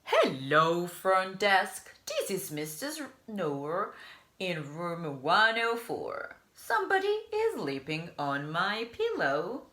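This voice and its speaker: A woman's voice: fairly low pitch, wildly swooping pitch, slow pace, pushed and bright, reverberant, heavily acted. Grumpy sleepy dino guy woman doing the voice, grumbles a lot, storybook read aloud. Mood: annoyed. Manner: grumbling, fussy complaints. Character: sleepy, grumpy male dinosaur hotel guest.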